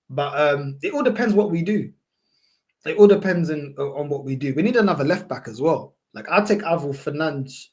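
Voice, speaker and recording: A man with a London roadman accent chatting casually as a football livestream host, slangy and repetitive with emphatic phrasing. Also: on the high side. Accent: London roadman, multicultural London English. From London, England. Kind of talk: casual livestream chat, answering viewer comments.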